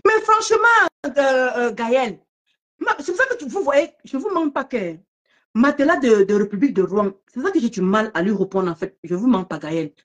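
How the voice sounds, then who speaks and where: A woman ranting casually on a live stream about an online feud, mocking and laughing loudly, talking fast in bursts. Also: fairly high pitch, animated.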